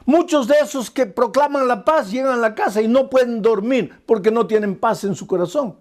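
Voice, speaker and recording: A man's voice: extremely high pitch, moderate pace. A male pastor delivering an earnest, pleading sermon full of repeated phrases.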